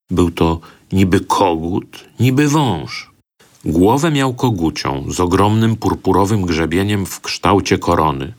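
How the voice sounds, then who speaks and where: A deep-voiced man reads an old tale aloud with unhurried, solemn care. His delivery is steady and deliberate, giving each phrase room. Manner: measured, solemn storytelling. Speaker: narrator. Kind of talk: audiobook narration of a folk tale.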